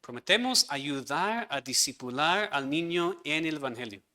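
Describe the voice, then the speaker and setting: High, bright-voiced man preaching a sermon. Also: expressive, normal speed. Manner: earnest preaching with rhetorical questions to the congregation. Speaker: pastor.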